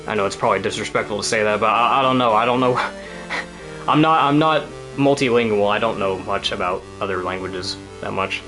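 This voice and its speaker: Over music, a man with a voice on the low side rambles brisky through casual commentary while streaming a video game, swearing from time to time and laughing a lot.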